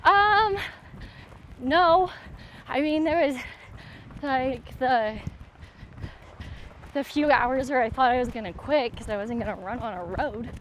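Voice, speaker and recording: Higher-voiced woman chatting while running outdoors. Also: slow pace, pauses often, a little hiss or hum. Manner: hesitant, filler-heavy, informal. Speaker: athlete and vlog host. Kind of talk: casual chat while running. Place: outdoors, on a run.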